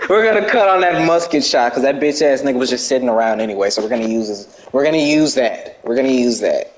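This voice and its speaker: A young man in his twenties talks through his gameplay in a loose, chatty way, cursing freely as he goes. His voice sits at an ordinary middle pitch, with a faint hum of noise behind it. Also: lively intonation, fast. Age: 20s. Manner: laid-back, profane, chatty. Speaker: gaming video creator. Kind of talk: casual let's-play commentary.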